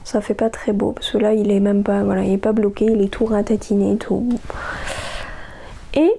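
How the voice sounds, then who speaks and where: A woman's voice: medium pitch, flat delivery, normal speed, gravelly, mellow, a little hiss or hum. A woman, chatting casually about her knitting projects as host of a crafting podcast, hesitant, with many fillers and restarts.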